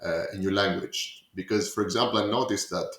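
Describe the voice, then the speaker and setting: A man with a slightly low voice moderates a casual discussion in a noticeably echoey room. He asks questions haltingly, restarting and correcting himself along the way. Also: steady tone, a bit bright.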